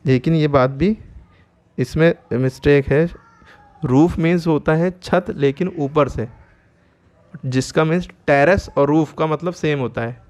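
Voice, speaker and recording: Speaking in Hindi, a man with a fairly high, darkish voice teaches English vocabulary. He slowly spells each word letter by letter, repeats its pronunciation and meaning, and frequently checks in with "ठीक है?".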